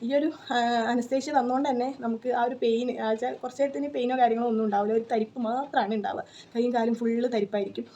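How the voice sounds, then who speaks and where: Rapid-talking young woman vlogger. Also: a little high, fairly even intonation, mellow, muffled recording, slight background noise. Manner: chatty, tags sentences with 'you know', many fillers. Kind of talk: casual personal storytelling.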